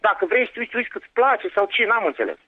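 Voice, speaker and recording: A man arguing furiously on a phone call, shouting, swearing and threatening the caller. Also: high voice, huge pitch swings, no room sound. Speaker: prank call target. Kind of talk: angry phone argument. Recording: tinny phone line.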